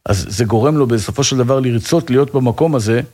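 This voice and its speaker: A rabbi talking in an interview, earnest and fervent, with frequent religious phrases and restarts. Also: male voice, mid-range voice, darkish tone. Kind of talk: casual interview talk.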